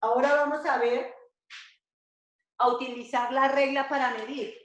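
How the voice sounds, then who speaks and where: A woman teaching a slow, repetitive math lesson to children, often checking that they follow. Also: high voice, fairly even intonation, a bit bright. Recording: echoey dull home recording.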